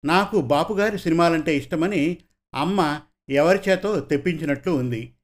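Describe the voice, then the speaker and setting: A man reading as a gentle aging father. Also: fairly high pitch, close to an everyday voice. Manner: warm, storytelling to his daughter.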